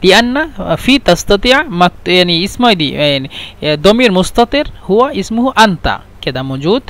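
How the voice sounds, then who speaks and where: High-voiced man teaching phrases slowly. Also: big pitch swings, fairly bright tone. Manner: repeats each phrase slowly, switching between dialect, standard Arabic and English. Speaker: Arabic teacher. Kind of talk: language lesson.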